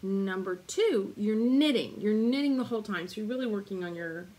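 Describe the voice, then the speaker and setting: A woman's voice: medium pitch, expressive, moderate pace, mellow, poor audio. A woman co-hosting a casual podcast, chatting in a digressive way with frequent asides. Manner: chatty, digressive, laughs often. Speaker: podcast co-host. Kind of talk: casual chat.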